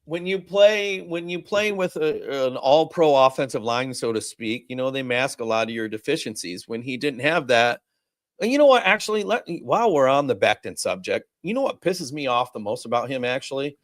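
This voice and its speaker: A man's voice: mid-range voice, moderate pace, no room sound. Male sports podcast host, casual and fired-up, swears freely, dry close sound. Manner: animated, profane, rambling.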